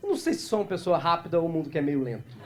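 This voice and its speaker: A man from Brazil doing improvised stand-up crowd work, talking fast and teasing the audience on a club stage. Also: on the high side, very animated. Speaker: stand-up comedian. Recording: live club recording with audible crowd noise.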